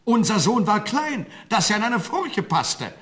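An insistent old farmer, the father of a giant son in a radio play. His voice is high for a man and moves over a wide, lively range. He talks in a matter-of-fact way. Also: measured pace.

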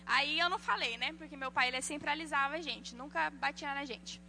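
High bright-voiced woman preaching. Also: brisk, gravelly, a little hiss or hum. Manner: lively storytelling, acting out quoted voices. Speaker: church speaker. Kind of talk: sermon on parenting with personal stories.

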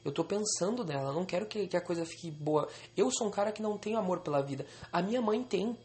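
A man's voice: high-pitched, animated, fast talker, darkish tone. A young man venting angrily and swearing on a solo podcast recorded alone at home.

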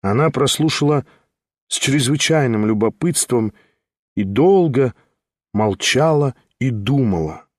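A man narrating an audiobook in an even, unhurried reading. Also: medium pitch, no echo, clean studio sound.

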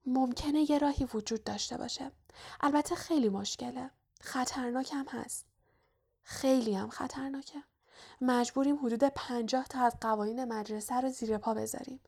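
A clever, cautious young schoolgirl witch played by a woman reader speaks in a high, hushed, knowing voice. She is careful and quick in this audiobook. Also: natural voice.

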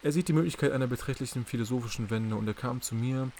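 A man voicing a polite, calculating male psychiatrist in an audiobook, soft and measured. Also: mid-range voice, slight background noise, close to an everyday voice. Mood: soothing. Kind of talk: audiobook character reading.

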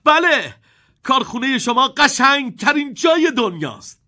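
A man's voice: high-pitched, lively intonation, fairly bright tone. A man doing an eager poor little boy. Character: poor young boy, eager and wide-eyed.

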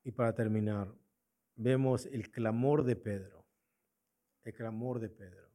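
A man's voice: on the low side, steady tone, a little slow, warm tone. A man preaching a sermon in a church, asking his congregation rhetorical questions and repeating his key points. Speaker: pastor.

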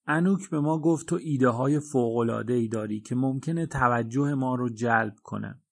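A man with a gravelly voice voicing a rich man's young son in an audiobook. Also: mid-range voice. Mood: polite.

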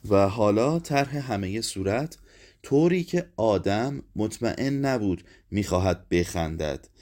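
Male narrator, low voice, measured literary reading, audiobook. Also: darkish tone. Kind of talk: scripted narration.

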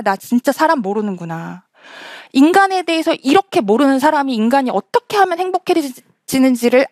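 A woman speaking on stage in a storytelling talk, her voice set a little high and moving a lot in pitch. She acts out the quoted lines of the people in her story. The sound is close and dry. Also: no room sound.

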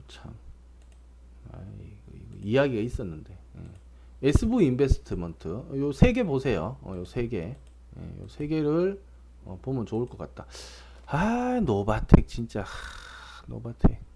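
A male stock market broadcaster rambles through casual commentary and keeps checking in with quick tag questions. His husky voice swings widely up and down, and his provocative lines come out in loose, unscripted bursts. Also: medium pitch, sing-song, warm tone.

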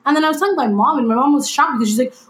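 A woman's voice: high voice, racing, a bit bright, reverberant, poor audio. A young Canadian woman co-hosting a casual podcast chat, telling stories animatedly and acting out the dialogue. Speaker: podcast co-host.

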